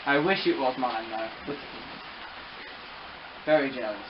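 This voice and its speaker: A man's voice: mid-range voice, normal speed, roomy sound, dull audio, background noise. A man chatting about his model trains, sometimes breaking into playful race-caller bursts. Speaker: model railway hobbyist. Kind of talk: casual chat with bursts of mock race commentary.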